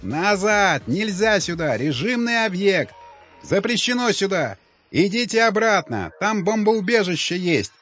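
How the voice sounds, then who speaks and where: Brief: a barking gate soldier, raised and loud, as a male reader puts him on, muffled audiobook sound with faint music. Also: sits high, big pitch swings, a little slow, voice pushed up, heavily acted. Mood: shouting. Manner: shouting orders.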